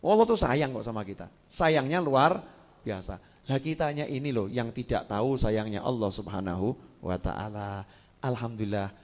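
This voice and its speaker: A man with a Javanese accent preaching a sermon in a lively, joking way, often acting out other people's voices. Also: mid-range voice, normal speed, in a large hall.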